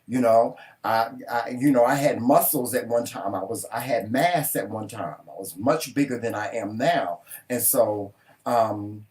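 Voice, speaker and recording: A man's voice: medium pitch, measured pace, darkish tone. A man co-hosting a casual talk show, speaking candidly and emphatically. He drops profanity freely and leans on repetition for emphasis. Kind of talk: casual chat.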